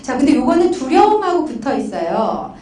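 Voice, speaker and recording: A woman's voice: sits high, brisk, slight background noise. A middle-aged woman counselor giving a conference talk, telling stories with acted-out quotes. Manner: animated storytelling with acted quotes. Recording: echoey hall from far off.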